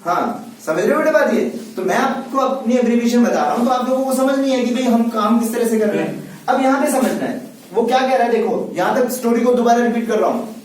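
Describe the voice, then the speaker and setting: A man's voice: very high-pitched, animated, fast talker. A man teaching accountancy in a classroom lecture, often checking that students follow. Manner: patient, repeats questions to check understanding. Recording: echoey classroom from far off.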